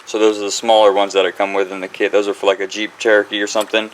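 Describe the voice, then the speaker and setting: A man's voice: on the low side, level tone, rapid-fire, slight background noise, poor audio. A man hosting his own channel, chatting casually and rambling as he walks through a repair job. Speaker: channel host. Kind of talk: casual garage vlog walkthrough.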